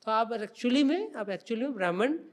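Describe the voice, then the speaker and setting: A man's voice: extremely high pitch, expressive, moderate pace. A man speaking as a religious guest on a podcast interview, explaining spiritual teachings in an emphatic, preaching way.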